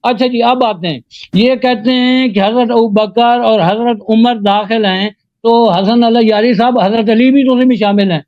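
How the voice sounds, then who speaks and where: A man debating religion live, slowly chanting Arabic invocations and then arguing pointedly. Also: very high-pitched, fairly even intonation, no room sound. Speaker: debater, Sunni cleric. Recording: dull, dry lo-fi audio.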